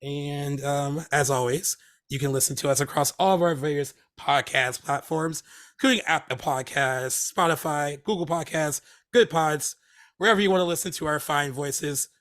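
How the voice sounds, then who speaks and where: A co-host of a movie podcast, based in Hermosa Beach, California, talks casually and rambles through many fillers and restarts while recovering from laryngitis. His voice sits on the high side with fairly even intonation, a normal pace, and a slightly bright quality.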